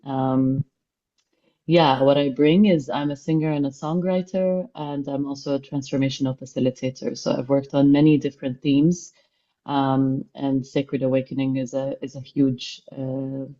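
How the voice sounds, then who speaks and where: A woman from Kuwait, a facilitator and singer, introducing herself on a video call in a measured way. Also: rumbling low, dark tone. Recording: dull, muffled video call audio.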